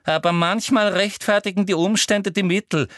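A man reading an audiobook aloud, voicing a cruel middle-aged female official in a high, sweetly menacing voice. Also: steady tone, normal speed, fairly bright tone, no room sound, studio quality.

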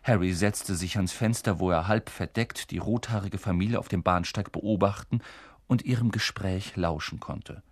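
A man's voice: deep voice, moderate pace, husky, no room sound, studio quality. A man reading a novel aloud in scripted narration, storytelling expressively. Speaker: audiobook reader.

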